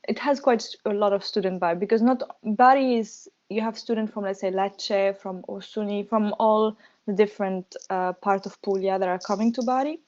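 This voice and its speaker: A young woman from Tunisia, a medical student, chatting casually in an interview, laughing often and pausing with fillers. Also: mid-range voice, steady tone, darkish tone, muffled recording.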